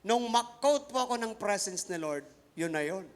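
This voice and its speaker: A man preaching a Sunday sermon, telling his own testimony to the congregation, swinging between quiet asides and loud emphatic lines. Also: high-pitched, lively intonation, normal speed. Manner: addresses congregation directly, mixing in English phrases.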